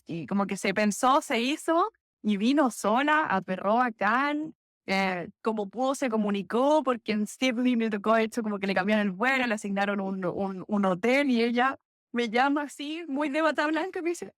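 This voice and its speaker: A young Chilean physiotherapist, speaking with a Chilean Spanish accent, is a guest on a casual podcast. Her slightly high voice moves at normal speed as she tells animated stories, chatting, laughing, and correcting herself. The recording is dry and studio quality.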